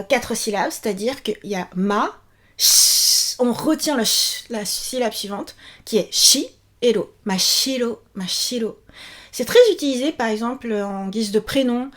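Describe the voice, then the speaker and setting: A cheerful young woman teaching a language video lesson, repeating each word slowly and clearly. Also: fairly high pitch.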